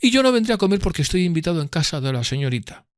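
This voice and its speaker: A man voicing an arrogant young gentleman rival in an audiobook, with a mocking, drawling, disdainful manner. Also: on the high side, big pitch swings, rapid-fire, no room sound, clean studio sound, voice pushed up. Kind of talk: audiobook character voice.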